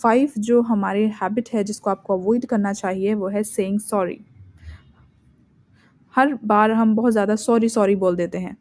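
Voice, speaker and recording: Indian woman teaching English, mellow voice. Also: medium pitch, steady tone. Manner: slow, deliberate reading of English example sentences. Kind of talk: Hindi-language spoken English lesson.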